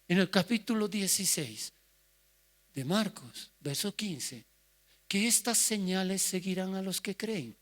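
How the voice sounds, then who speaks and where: A man preaching a sermon as pastor, moving from quiet asides to loud cries as he acts out the people he quotes. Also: sits high. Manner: swings from soft asides to loud shouted quotes.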